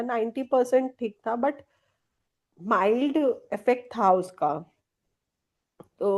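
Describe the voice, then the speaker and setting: Woman, Kolkata, interview guest: warm, mellow tone, candid storyteller who laughs readily. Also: medium pitch. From Kolkata, India. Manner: candid storytelling, mixing English words into Hindi, laughs often. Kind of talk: personal testimony in conversation.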